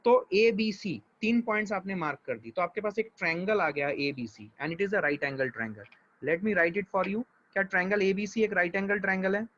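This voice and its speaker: A man with a high voice teaches physics, moving step by step and often asking whether his students follow. He talks patiently and reassuringly, switching freely between Hindi and English. The sound is dull and lo-fi. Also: moderate pace, a bit bright, a little hiss or hum. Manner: mixes Hindi and English, checks understanding often. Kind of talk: live online class. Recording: dull lo-fi audio.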